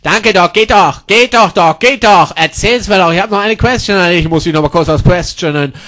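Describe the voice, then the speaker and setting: A man playing a brash, crude loudmouth who talks loudly and rudely and mixes broken English into his German. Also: sits high, moderate pace. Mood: impatient. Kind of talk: comedy sketch acting.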